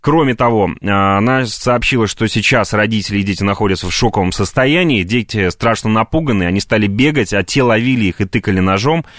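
A man giving a live news report as a radio correspondent, halting with frequent filled pauses. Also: on the low side, a bit bright, dry recording, clean studio sound.

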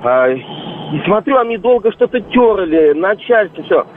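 A muffled phone line with background noise carries a high-voiced man calling a radio show. He talks casually and insistently, stumbling and repeating himself to press his point. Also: sing-song. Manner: insistent, halting, repetitive. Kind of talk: casual anecdote and argument on air.

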